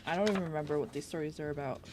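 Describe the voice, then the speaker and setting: A young woman streams from her home workspace, chatting casually as she works, her low voice racing over music. She sounds out of breath and rambles, filling the gaps with plenty of fillers.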